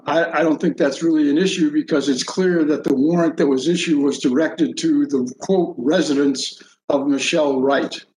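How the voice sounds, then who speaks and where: A man with a fairly high voice presents an oral legal argument as defence counsel. The room echoes around him, and there is faint noise behind the voice. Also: darkish tone. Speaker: defence lawyer arguing in court. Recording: roomy, faint background noise.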